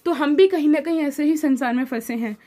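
Indian woman teacher, high voice, chatty line-by-line explainer who asks and answers her own questions. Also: fairly quick, dark tone. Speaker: English teacher.

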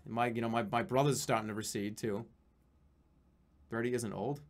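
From a small room at home, a man in his thirties hosts a casual live stream, reading donations aloud while rambling and cursing, occasionally breaking into excited yells. He has a mid-range voice and a moderate pace.

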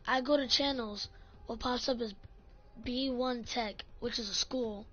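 This woman's voice is on the high side and a bit bright, and she doesn't rush. In her casual vlog she rants about her gaming clan, swearing frequently and saying "like" a lot, while faint music plays under the dull lo-fi audio.

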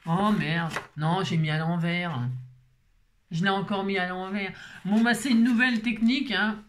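A woman's voice: mid-range voice, steady tone, unhurried. A woman hosting a craft tutorial, chatting and rambling with self-mocking asides as she works, feeling unwell. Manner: rambling, self-mocking, talks to viewers while working. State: unwell with migraine.

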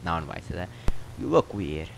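A man's voice: deep voice, big pitch swings, rapid-fire, creaky, poor audio. A man playing a horror game, reacting in jumpy, exclamatory bursts with laughing asides. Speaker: gamer. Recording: loud game noise behind.

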